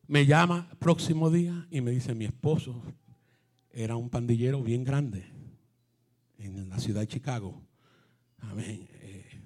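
A man preaching a lively sermon, acting out little scenes between churchgoers and their children and breaking into shouted exhortations. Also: mid-range voice. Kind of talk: lively sermon with acted-out dialogue.

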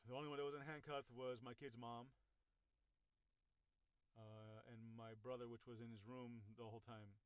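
A young man casually recounting his own experience in the first person, halting and full of fillers and restarts, with blunt, profane wording. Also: mid-range voice, steady tone, clean tone, dry recording.

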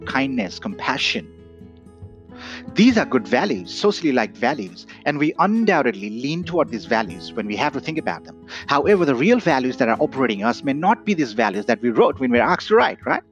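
A man from Nepal giving a reflective, earnest talk, often asking "right?". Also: medium pitch. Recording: dull lo-fi audio with faint guitar.

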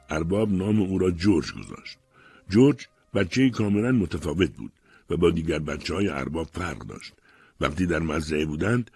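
A man narrating a novel as an audiobook reader in measured storytelling. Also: sits low, darkish tone, slightly rough. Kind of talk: scripted narration.

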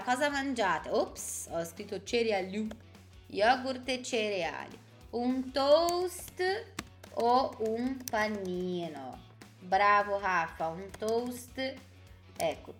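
A woman teaching a live language lesson, reading out viewer comments and repeating words slowly and clearly for learners, with playful chatty asides. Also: medium pitch. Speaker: Italian teacher.

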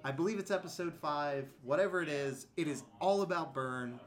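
A man's voice: fairly high pitch, normal speed. A man hosting a podcast in casual chat, rambling with lots of fillers and laughing often, recorded in a comic book store. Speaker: podcast host.

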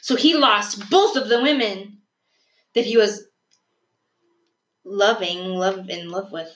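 A young woman co-hosting a podcast, telling a folk tale in a rambling, animated way and laughing often. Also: medium pitch, slow. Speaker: podcast co-host. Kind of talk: casual storytelling chat. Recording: echoey room.

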